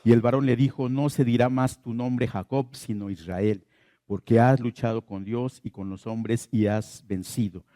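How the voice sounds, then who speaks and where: A man's voice: mid-range voice, fairly even intonation, moderate pace, warm tone, dry recording, studio quality. A man preaching a sermon as pastor, asking the congregation questions and repeating his key phrases.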